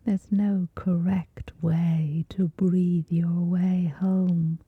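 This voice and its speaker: Reading a scripted meditation for sleep, a woman whispers softly and gently, her low voice breathy and flat, short phrases separated by long pauses. The audio is dry, with no echo, but narrow and tinny.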